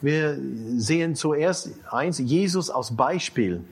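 Husky man interpreting haltingly. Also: a little high, animated. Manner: halting, with restarts and repeated key phrases. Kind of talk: consecutive interpreting.

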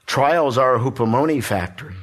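Male guest preacher, lively pitch, short lines for an interpreter. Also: normal speed. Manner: acts out screaming people in a story. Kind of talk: sermon with live interpretation.

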